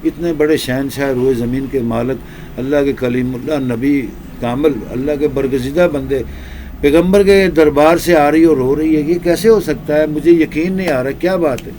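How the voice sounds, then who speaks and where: A man voicing a towering, pious old hermit who asks questions softly and pleadingly. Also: on the high side, a little hiss or hum, natural voice. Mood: astonished.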